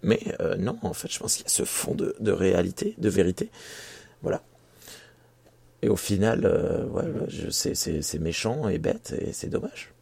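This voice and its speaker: A man from France co-hosts a relaxed podcast chat in a dark, gravelly voice with a husky edge. He talks haltingly, filling gaps and restarting phrases. The sound is dry and close. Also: low-pitched, dry recording. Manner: halting, many fillers and restarts. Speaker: podcast co-host.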